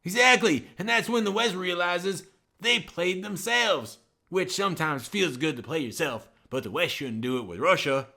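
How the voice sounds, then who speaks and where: A man's voice: high-pitched, animated, moderate pace, creaky, pushed and bright, full character voice. A man doing a folksy know-it-all sidekick. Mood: smug. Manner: folksy, ungrammatical drawl. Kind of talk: comedic banter.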